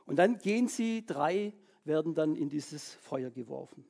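A preacher giving a lively, casual sermon, keeping the listeners engaged with frequent check-in questions. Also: medium pitch, unhurried, vocal fry. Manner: animated, keeps checking in with "ja?".

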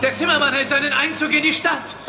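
An actor playing a scornful, jealous king in a dubbed film, with a shrill, indignant and sneering delivery. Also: little pitch movement, fast. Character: scornful jealous king, middle-aged man. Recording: echoey film soundtrack with loud music. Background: film score.

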